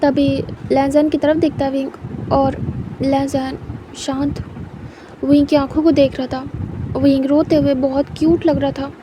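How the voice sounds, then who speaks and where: A woman narrating a fan fiction story in an even, conversational reading voice. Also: high-pitched, measured pace, background noise.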